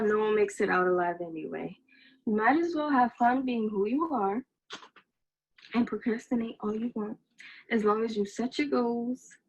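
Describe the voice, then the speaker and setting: A woman's voice: a little high, breathy edge, poor audio. A young woman, a graduating senior and class president, giving a playful, self-mocking graduation speech. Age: young adult.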